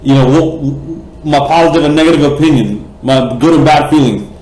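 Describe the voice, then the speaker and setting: Casting note: slightly high-voiced man, blunt, profane vlog ranter, echoey room. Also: moderate pace, darkish tone. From Bangladesh. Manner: passionate, rambling, many fillers and restarts, blunt and profane. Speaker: cricket vlogger. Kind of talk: opinionated vlog rant.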